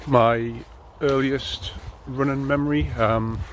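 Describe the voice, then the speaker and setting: A running vlogger in his thirties from North East England chats casually on a snowy morning jog, relaxed and rambling with plenty of ums. His voice is mid-range and unhurried. The handheld camera he runs with gives a low-quality recording with slight background noise.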